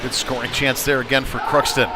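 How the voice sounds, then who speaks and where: Live at an ice rink, a man calls hockey play-by-play as the announcer, tossing in conversational asides between calls. His medium-pitched voice moves little in pitch and runs fairly quick. Music plays over the venue speakers behind the noisy broadcast.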